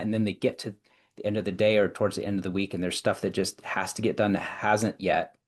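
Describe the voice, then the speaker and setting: A man, a psychologist and coach, explaining ideas in long, measured answers with frequent restarts. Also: low voice. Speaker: clinical psychologist and executive coach, guest. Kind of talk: explanatory interview talk.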